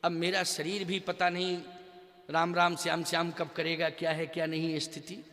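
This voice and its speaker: A man's voice: a little high, completely flat delivery, moderate pace, sharp tone, big-room sound. An older man giving a devotional sermon to an audience, speaking emphatically, throwing rhetorical questions to the listeners and sometimes chanting verses in a sung tone. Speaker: spiritual teacher.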